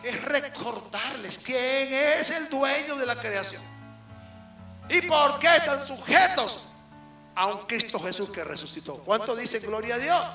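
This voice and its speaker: A man with a Venezuelan accent preaching a sermon as an apostle, swinging between loud emphasis and quiet asides and firing questions at the congregation. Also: very high voice, lively intonation, unhurried, far from the mic. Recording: roomy hall from off the mic, faint music.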